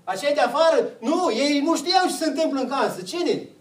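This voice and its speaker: A man's voice: extremely high pitch, lively intonation, roomy sound, distant mic, poor audio. A man preaching a sermon, putting questions to the congregation and answering them himself.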